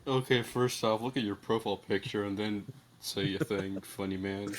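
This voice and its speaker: A man's voice: on the low side, fairly even intonation, moderate pace, slight background noise. A man chatting casually with friends on a voice call, laughing often and tripping over his words. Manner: laughs often, stammers and restarts.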